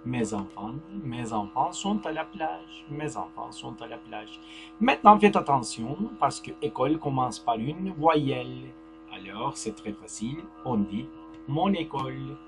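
A man teaching a French grammar lesson to young pupils, speaking slowly, repeating words and checking understanding with "d'accord?". His first language is Turkish. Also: medium pitch, lively intonation. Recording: music and mains hum behind.

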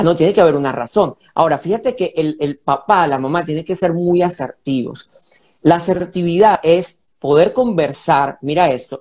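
A man's voice: fairly high pitch, darkish tone. A middle-aged man speaking earnestly as an interview guest, explaining step by step and acting out short exchanges between parent and child. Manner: earnest, explains in numbered points, acts out parent-child dialogue. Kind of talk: conversational interview.

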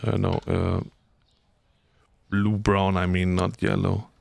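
A man's voice: sits low, little pitch movement, takes it slowly, creaky, darkish tone, no room sound. A man streaming a game and chatting with his viewers, humming and scatting to himself as he plays, close to the mic. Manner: chatty, hums and scats to himself, reads chat aloud. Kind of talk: casual gameplay commentary to chat.

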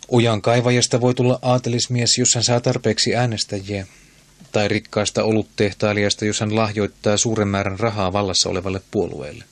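A man's voice: lowish voice, little pitch movement, dry recording, close to an everyday voice. A man reading a proud, fiery queen. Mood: commanding. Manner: commanding, intense. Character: proud passionate young woman queen.

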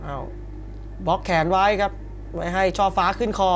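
A man's voice: high-pitched, normal speed, creaky. A man doing live play-by-play of a Muay Thai bout in punchy short calls with exclamations. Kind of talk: live sports commentary. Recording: broadcast with arena crowd noise behind. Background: faint fight-arena ambience.

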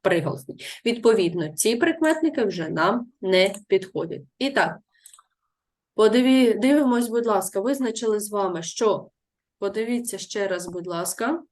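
A woman's voice: mid-range voice, lively intonation, normal speed, a little mellow. A woman teacher giving a classroom grammar lesson, patiently repeating her pupils' answers and asking guiding questions. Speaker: primary school teacher.

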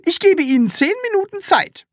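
A furious, bossy landlady, played by a woman who shrieks her orders at the top of her voice. The pitch flies high and swings wildly as she scolds. The sound is dry and near. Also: animated, normal speed, no room sound. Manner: shrill, scolding and loud. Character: shrill, angry older landlady, bossy. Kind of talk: audiobook character reading.

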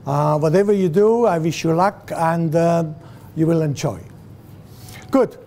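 With a warm, fairly high voice and a slightly slow pace, a man in his sixties from Switzerland gives students a guest lecture in an indoor classroom with a screen. He gestures, asks the room questions, and relies on many fillers and restarts. A distant camera, no mic seen, does the recording.

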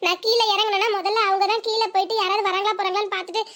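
A woman voicing a calm, sensible young village wife in a cartoon, speaking with a Tirunelveli Tamil accent in a reassuring way. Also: very high voice, very fast. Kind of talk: cartoon voice acting.

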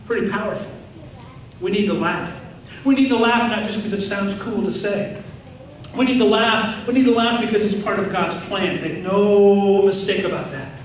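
Animated preacher in an echoing sanctuary. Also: male voice, high-pitched, moderate pace, slight background noise. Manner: animated, gesturing, asks the congregation questions. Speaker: pastor. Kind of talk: sermon. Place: large church sanctuary. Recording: very echoey sanctuary, distant mic.

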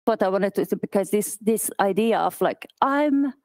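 A woman in her thirties who grew up in Iran gives a conference talk at an event, pausing often with fillers and restarting her sentences. Her voice is smooth and clear, with a middle pitch. The sound is dry. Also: lively intonation, a little mellow, no room sound. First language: Persian. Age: 30s. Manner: halting, many fillers and restarts. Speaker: accessibility specialist speaker. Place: office event space.

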